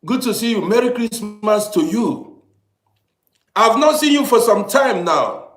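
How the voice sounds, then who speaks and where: The livestream host, an African man living in Europe, chats casually and calls out viewers by name, often going over the same words twice. His voice is high and sing-song, unhurried, with a roomy sound.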